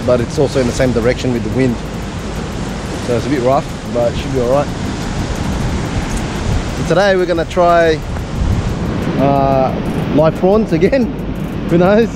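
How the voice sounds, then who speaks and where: A man's voice: medium pitch, measured pace, pauses often. Aussie guy in his 30s narrating rock fishing, says bro a lot, windy waves behind. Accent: Australian. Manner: laid-back, says "bro" and "man". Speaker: fishing vlogger. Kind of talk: casual outdoor commentary. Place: coastal rock ledge outdoors by crashing surf. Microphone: action camera, head or chest mounted. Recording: outdoor camera audio with loud wind and surf. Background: waves and wind.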